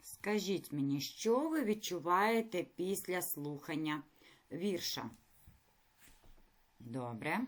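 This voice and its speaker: Woman teacher, low voice with lively pitch, unhurried classroom delivery to young pupils. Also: a little hiss or hum. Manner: slow, clear classroom explaining with lively intonation; addresses pupils directly with praise and questions. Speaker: primary school teacher. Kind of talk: recorded reading lesson for fourth graders.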